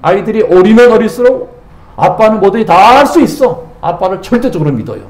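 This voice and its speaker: A man's voice: high-pitched, animated, a little fast. A male senior pastor preaching a Sunday sermon with emphatic delivery, putting rhetorical questions to the congregation. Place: church sanctuary. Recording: echoey church sanctuary.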